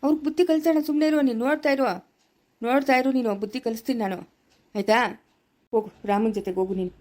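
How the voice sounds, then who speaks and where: A woman's voice: mid-range voice, fairly even intonation, fast talker, darkish tone, lightly acted. Lecturing village father figure, played by a woman, repeats himself, darker voice, Chikkaballapura Kannada accent. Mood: firm. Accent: Kannada, Chikkaballapura area. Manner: insistent, lecturing, repeating lines. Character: older village man as father figure, firm. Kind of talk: amateur family village drama.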